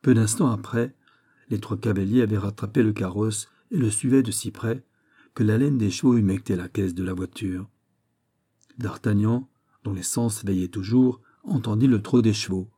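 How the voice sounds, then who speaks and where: A man reading a classic novel aloud as a narrator, in a steady literary manner. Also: lowish voice, moderate pace, husky. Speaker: audiobook narrator. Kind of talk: scripted narration.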